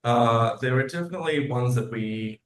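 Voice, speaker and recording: With a mid-range voice at normal speed, a man from Australia, a composer and lyricist, reflects casually as an interview guest, hesitating while he searches for words. Echo from the room hangs on his voice.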